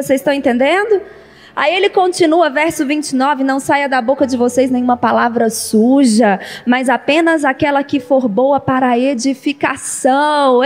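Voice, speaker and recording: A woman from Brazil preaches with a high, unhurried voice, stressing each point and asking the congregation questions. Her sermon rings through a reverberant church hall with faint music underneath. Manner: emphatic, asks the congregation questions. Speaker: bishop preaching.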